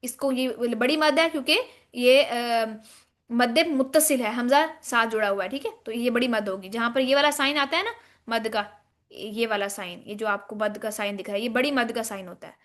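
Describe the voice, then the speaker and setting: A woman teaching Quranic recitation rules, explaining step by step and demonstrating words in slow drawn-out chanting. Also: fairly high pitch, a bit bright. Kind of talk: tajweed lesson.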